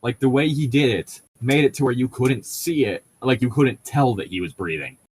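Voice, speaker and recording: A man co-hosting a podcast reads from a novel and riffs on it, his explanations rambling and nitpicky in a spirit of casual banter. His voice is medium-pitched at a normal pace, with a little hiss or hum in the recording.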